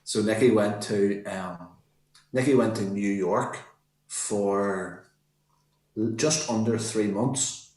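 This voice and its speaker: A man's voice: fairly low pitch, slow pace, darkish tone, reverberant, poor audio. A man with a Northern Irish accent hosting a casual podcast, chatty and musing, often repeating himself. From Northern Ireland. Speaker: podcast host.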